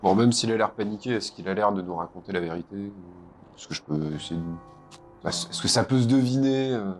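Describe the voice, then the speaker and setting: A man's voice: lowish voice, moderate pace, faint music behind. A man chatting casually as a player in a tabletop role-playing game.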